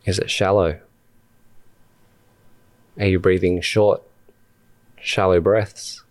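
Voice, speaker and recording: Low-pitched and free of echo, a male podcast host walks listeners through a guided meditation, his delivery calm and measured in short phrases with lengthy pauses between them.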